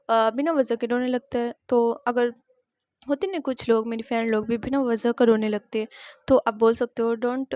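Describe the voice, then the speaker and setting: A young woman teaching spoken English in a friendly, chatty way, saying each English phrase slowly for her students to repeat. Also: fairly high pitch, dark tone, dry recording, muffled recording. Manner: says English lines slowly for repetition; friendly, chatty explanations with everyday examples.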